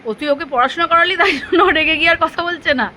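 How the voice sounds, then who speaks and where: A woman with a high, bright voice films her child at home. She chats casually and playfully, full of exclamations, teasing and fond scolding. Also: racing, a little hiss or hum. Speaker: mother filming her child. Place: at home, indoors.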